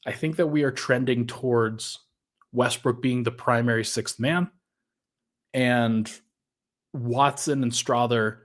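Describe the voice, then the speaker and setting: Slightly breathless male sports podcaster. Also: mid-range voice. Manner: conversational, thinks aloud with restarts and fillers. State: a little out of breath. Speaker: podcast host. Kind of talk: casual sports talk podcast.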